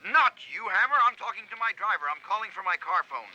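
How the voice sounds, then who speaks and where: A bossy commissioner on speakerphone. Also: male voice, high-pitched, expressive, fast, bright, forceful tone, dull audio, a little hiss or hum, heavily acted. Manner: brusque and commanding, breaking off to bark at his driver. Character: irritable male police commissioner, middle-aged, bossy. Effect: heard over a speakerphone. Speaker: police commissioner. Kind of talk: sitcom acting.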